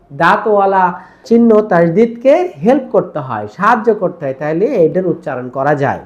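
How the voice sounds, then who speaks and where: A man teaching a lesson, explaining rules step by step and drilling them in a slow, chanted call-and-answer manner. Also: sits high. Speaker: Quran teacher.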